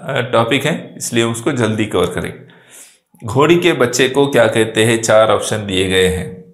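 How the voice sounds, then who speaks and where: A man's voice: mid-range voice, a bit bright. A male teacher giving an exam-prep vocabulary lesson, asking each question and then repeating the answer. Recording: echoey room.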